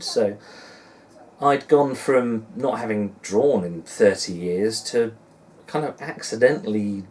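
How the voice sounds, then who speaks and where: A man's voice: mid-range voice, a little mellow. A man in his forties with a Suffolk English accent, chatting casually in a rambling, self-deprecating and musing way, as in a personal vlog. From Suffolk, England. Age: 40s. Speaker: dad blogger and vlogger. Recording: distant mic with faint background noise.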